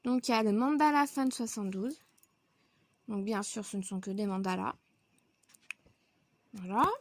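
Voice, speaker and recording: A woman vlogger showing her coloring supply purchases in a casual haul video, chatty and filling pauses with little connecting words. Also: mid-range voice, no room sound. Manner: chatty, fills pauses with donc and voilà.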